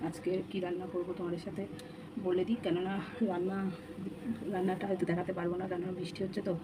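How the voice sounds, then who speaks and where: A woman chatting casually to her viewers while cooking at home, keeping her voice low so her sleeping son is not woken. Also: level tone, fast talker. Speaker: home vlogger and mother. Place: home kitchen with a tin roof during rain. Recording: noisy home recording with rain on a tin roof.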